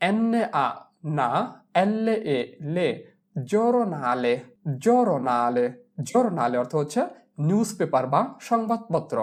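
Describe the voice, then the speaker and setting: A man teaching a language lesson, spelling each word letter by letter and repeating it slowly. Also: a little high, darkish tone. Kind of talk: classroom lesson explaining pronunciation.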